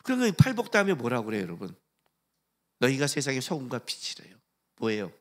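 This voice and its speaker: A man's voice: mid-range voice, wildly swooping pitch, brisk, a bit bright. A male pastor preaching a sermon in a church, asking the congregation questions and acting out the voices of the people he quotes. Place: church sanctuary.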